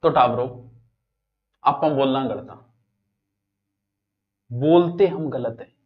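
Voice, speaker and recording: A man's voice: mid-range voice, takes it slowly. A man with a Rajasthani accent teaching an exam-prep lesson, quizzing his students and moving between Hindi and local dialect. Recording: dull lo-fi recording.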